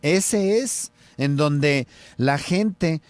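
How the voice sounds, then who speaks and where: A man speaking Spanish with a Mexican accent, on a radio show where he talks about medicine. He tells the story with lively energy and acts out the lines of the people in it. His voice sits a bit high, recorded dry and close in a studio. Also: drawn-out words, dry recording. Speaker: radio show host, surgeon.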